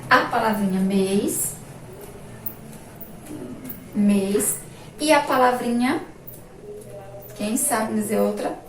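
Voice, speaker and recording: A Brazilian woman teacher giving a remote lesson to young children, drawing out each word slowly as she pronounces it. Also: fairly high pitch, a little hiss or hum. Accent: Brazilian Portuguese. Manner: slow, drawn-out pronunciation of words for children. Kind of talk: remote primary-school lesson. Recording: echoey room, voice from a distance.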